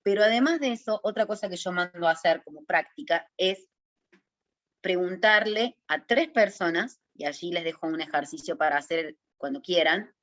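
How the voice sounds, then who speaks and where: Lively Córdoba-accented woman teaching online. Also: lowish voice, moderate pace, dry recording. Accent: Córdoba Argentine Spanish. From Córdoba, Argentina. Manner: lively, direct, addresses audience informally with questions. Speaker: public speaking trainer. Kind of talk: online webinar lesson. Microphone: video call. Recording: dull, dry webinar audio.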